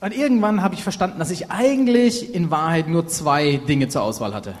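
Male live interpreter, slightly high voice, halting with fillers, echoing hall. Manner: halting, many fillers and self-corrections. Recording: reverberant hall.

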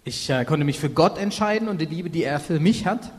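Halting male interpreter in a reverberant hall. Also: on the high side, animated. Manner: halting, many fillers and self-corrections. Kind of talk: live sermon interpreting.

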